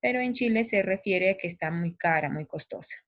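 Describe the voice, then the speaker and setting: A woman's voice: mid-range voice, expressive, a little fast. Peruvian provincial accent, woman teacher, patient and explanatory, talks straight to students, tinny phone-quality sound. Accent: Peruvian provincial Spanish. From Peru. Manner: patient, explanatory, often restarts and addresses students directly. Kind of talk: recorded class explanation.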